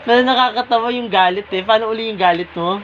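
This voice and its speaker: A man's voice: sits high, fast talker. A man filming a casual home vlog, asking playful, teasing questions. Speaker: vlogger. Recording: dull home video sound, faint hiss.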